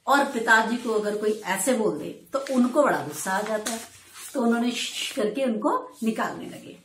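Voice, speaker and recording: High-voiced woman teacher in echoey room. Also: animated, normal speed, noisy background. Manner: storytelling, acts out quoted lines with a laugh. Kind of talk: explaining a story chapter in class.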